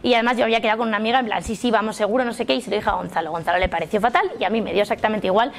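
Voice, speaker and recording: A woman's voice: mid-range voice, very fast, creaky. A young woman from Madrid with a Madrid Spanish accent, telling a personal story in a chatty way with many fillers and acted-out quotes. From Madrid, Spain. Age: young adult. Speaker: guest telling her story. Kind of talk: personal testimony.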